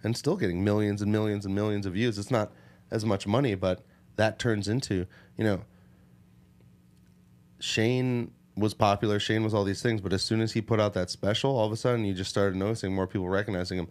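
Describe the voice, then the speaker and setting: A man's voice: fairly low pitch, brisk. A man hosting a podcast, chatting casually and acting out the people in his stories. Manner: animated storyteller, acts out quoted people. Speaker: podcast host. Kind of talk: casual chat.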